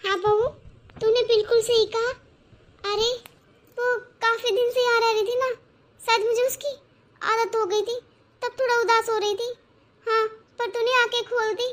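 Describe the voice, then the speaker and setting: A woman's voice: extremely high pitch, flat delivery, moderate pace, long pauses. A woman voicing an older mother in a cartoon who scolds her grown daughter and frets over family duty. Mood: fond. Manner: scolding then fretting.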